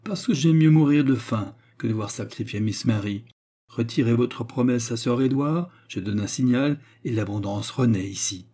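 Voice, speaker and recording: A man's voice: mid-range voice, normal speed, dark tone, natural voice. A man reading as an earnest lovesick young baronet. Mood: grave. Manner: earnest, pleading.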